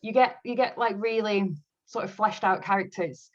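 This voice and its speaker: A woman's voice: medium pitch, moderate pace, highs cut off. A woman author chatting in an interview, telling stories with frequent laughter. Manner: laughs often, animated storytelling. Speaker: author guest. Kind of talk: casual interview chat.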